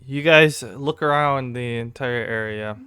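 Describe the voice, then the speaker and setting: A man narrating as dungeon master in a casual tabletop game, halting and relaxed, with fillers. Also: mid-range voice. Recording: home recording with background noise.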